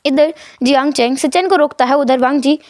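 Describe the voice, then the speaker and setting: A woman's voice: sits high, fairly quick, darkish tone, no room sound, clean studio sound. A woman narrating a fan fiction story and acting out the quarrelling characters' dialogue herself.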